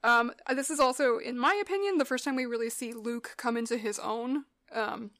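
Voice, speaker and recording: A woman's voice: fairly high pitch, brisk, fairly bright tone. A woman co-hosting a podcast, chatting casually and hesitantly, with many fillers and restarts. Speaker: podcast co-host. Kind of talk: casual chat.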